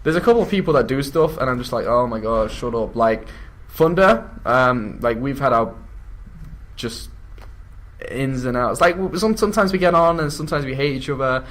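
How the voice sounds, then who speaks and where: A young man from England with an English accent, talking in a loose, offhand way. His voice sits at an ordinary middle pitch. He rambles and laughs as he chats. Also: lively intonation, normal speed, fairly bright tone. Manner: chatty, drifts into mock voices and laughs. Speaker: YouTube gamer. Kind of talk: casual chat.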